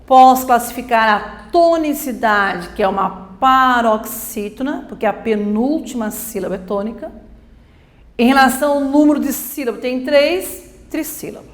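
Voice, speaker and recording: A woman teacher explains grammar step by step, putting questions and then answering them herself. Her voice sits fairly high. The room is echoey. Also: moderate pace. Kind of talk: grammar lesson for exam prep.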